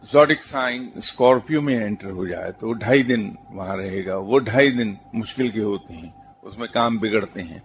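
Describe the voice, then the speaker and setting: A man, a spiritual teacher, giving a religious talk in answer to a question, telling stories calmly and at a measured pace, with English terms mixed in. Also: lowish voice, slight background noise.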